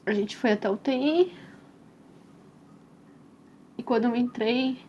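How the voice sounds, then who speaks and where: A young Brazilian woman tells her own story as a mother in a soft, tender and reflective way, often adding "né?" and "assim". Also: on the high side, unhurried. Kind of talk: personal testimonial storytelling. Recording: slightly dull recording with faint hiss.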